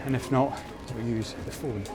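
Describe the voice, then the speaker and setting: Scottish man, chatty street vlog, mid pitch, music playing under, outdoors. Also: steady tone, normal speed. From Scotland. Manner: chatty, loose and rambling, with fillers and Scottish words. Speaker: photography vlogger. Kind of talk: casual walking vlog.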